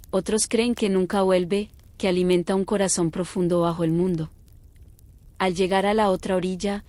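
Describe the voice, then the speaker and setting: Her voice sits on the low side as she narrates a scripted bedtime tale, quiet, calm and leisurely, suited to night-time.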